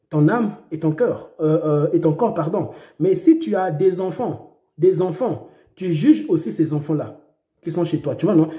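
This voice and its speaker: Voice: mid-range voice, mellow, roomy sound. A preacher delivering an impassioned sermon, repeating phrases and breaking into dramatic cries.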